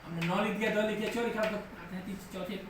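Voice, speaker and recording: A man's voice: high voice, steady tone, fast. A man teaching a live online grammar class, patiently repeating each step and often checking that students follow. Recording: very echoey room, voice far from mic, faint background noise.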